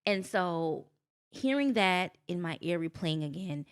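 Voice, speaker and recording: A woman guest on a podcast, telling her story in a casual, animated way and jumping into high voices when she quotes people. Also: measured pace, clean tone.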